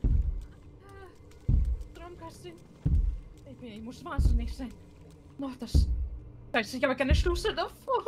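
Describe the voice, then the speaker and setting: A frightened young woman, played by a woman in a live game roleplay, babbling to herself in panic and crying out in Spanish. Her voice sits high, and she drags her words out slowly. Noisy game sounds run underneath her. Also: animated. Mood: panicked. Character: frightened young woman lost in a horror scene. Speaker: roleplay streamer. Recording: game noise behind the voice.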